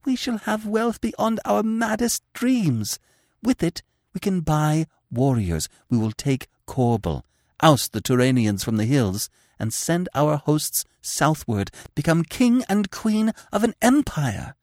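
A man's voice: on the high side, sing-song, measured pace, a little mellow, no echo, clean studio sound, voice pushed up. A man voicing a passionate, scheming young woman who pleads in a breathless, urgent rush. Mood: pleading.

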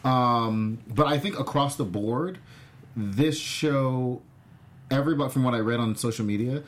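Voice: medium pitch, measured pace. A host leading a casual chat about a TV show, talking with lots of fillers and restarts. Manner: chatty, many fillers and restarts. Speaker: podcast host.

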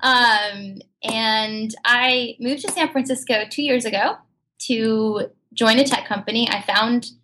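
Casual woman guest with a mid-pitched voice. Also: a bit bright, a little hiss or hum, poor audio. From New Jersey, United States. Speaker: podcast guest, tech company researcher and writer. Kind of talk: casual interview chat.

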